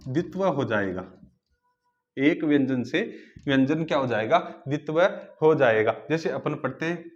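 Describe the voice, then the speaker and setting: Male tutor, a bit high-pitched, quizzes his class and breaks words into parts; muffled recording. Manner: asks the class rhetorical questions then answers; spells words out slowly, part by part. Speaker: Hindi grammar teacher. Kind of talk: online grammar lesson.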